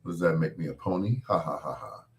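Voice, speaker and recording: Hoarse from a cold, a middle-aged man with a very low voice hosts a late-night radio show. He talks fairly quickly in a loose, rambling, folksy style and chuckles at his own corny jokes, with slight background noise.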